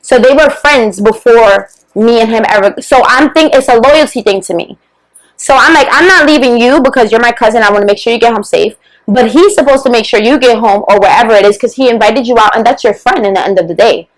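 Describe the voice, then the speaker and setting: A woman's voice: on the high side, a little fast, poor audio. Woman telling a profane, heated story. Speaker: guest podcast co-host. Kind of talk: animated storytelling, casual podcast chat.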